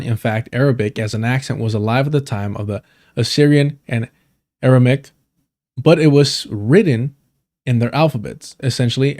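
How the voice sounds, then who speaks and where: This livestream host's voice is mid-range and darkish. He reads an article aloud and stumbles often, going back to correct himself and offering apologies.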